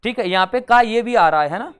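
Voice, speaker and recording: A man teaching a class, patiently explaining and reading verse examples slowly. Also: high-pitched, expressive, a bit bright, clean tone. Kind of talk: classroom lesson.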